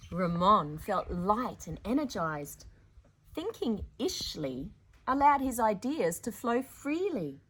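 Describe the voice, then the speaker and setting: A woman reads a picture book to young children with a very animated, swooping delivery. She takes her time, with a playful, theatrical emphasis and chatty asides, and her voice has a husky edge. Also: mid-range voice, takes it slowly. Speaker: storytime presenter reading children's picture books.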